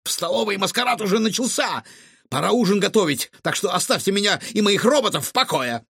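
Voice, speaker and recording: A man voicing an excitable bearded male cook who blurts out indignant outbursts. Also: high voice, a little fast, slightly rough, dry recording, clean studio sound, pitched above the performer's own voice, heavily acted. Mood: flustered.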